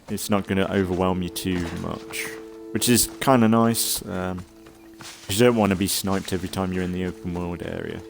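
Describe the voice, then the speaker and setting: A low, creaky-voiced man hosts a let's play, rambling casually as he comments on the game. He sounds a little congested, as if a cold is coming on.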